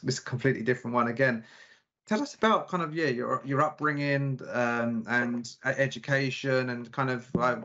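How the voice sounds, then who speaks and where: A man's voice: medium pitch, a bit bright. A man hosting a podcast, asking questions in a casual, rambling way with frequent restarts. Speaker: podcast host. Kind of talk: conversational podcast interview. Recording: dull lo-fi podcast audio.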